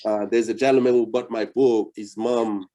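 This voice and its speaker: Mellow, low-voiced Haitian-accented man teaching. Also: steady tone, normal speed. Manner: patient, repeats key points while explaining. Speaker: Creole language teacher and author. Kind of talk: online beginner language lesson.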